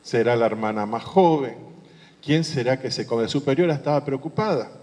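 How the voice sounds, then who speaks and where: A man's voice: mid-range voice, darkish tone. A priest tells a humorous anecdote during a sermon, adding playful asides to his listeners. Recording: long hall reverb.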